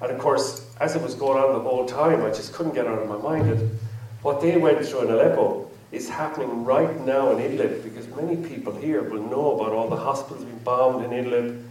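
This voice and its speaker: The event host leads a panel after a film screening, his talk rambling, hesitant and repetitive. His voice is medium in pitch, a little mellow and fairly quick, recorded at a distance in a roomy screening hall with an audience and faint ambience.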